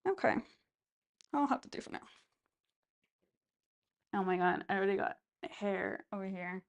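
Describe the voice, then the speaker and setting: Woman with gravelly, crackling vocal fry, rambling casually. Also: mid-range voice, expressive, moderate pace. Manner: rambling, thinking aloud. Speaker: vlogger. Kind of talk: casual, rambling self-filmed chat while cleaning.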